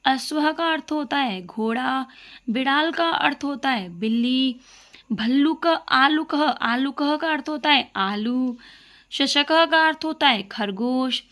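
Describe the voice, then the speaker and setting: A woman teacher leading a lesson for young children, asking questions and slowly repeating each word with its meaning. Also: high-pitched, fairly bright tone. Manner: slow repeated drill with questions.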